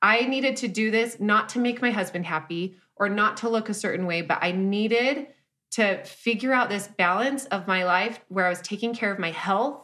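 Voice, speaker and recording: Candid bright-voiced woman in her thirties. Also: mid-range voice, normal speed. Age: 30s. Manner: candid, rambling with frequent restarts and "like". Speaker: guest. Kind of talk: casual conversational interview.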